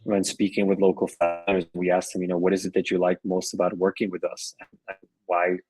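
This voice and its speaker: This podcast interview features a middle-aged man, a venture investor with roots in Switzerland and Colombia. His voice is low, monotone, husky, and slightly mellow, moving at a fairly quick clip with no room sound. He chats easily, frequently restarting sentences and repeating himself.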